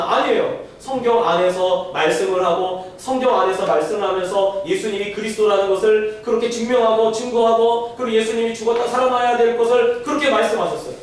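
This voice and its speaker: A man's voice: sits high, fairly quick, hardly any pauses. A man preaching a sermon as pastor, telling stories and asking rhetorical questions. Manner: storytelling, rhetorical questions, animated. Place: church sanctuary. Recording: echoey hall, distant mic, faint noise.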